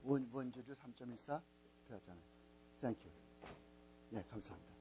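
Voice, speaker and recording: A man's voice: medium pitch, lively intonation, moderate pace, dark tone, slight background noise, poor audio. Man teaching, coaxing and repetitive. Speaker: Bible teacher at a missionary training school. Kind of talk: classroom lecture.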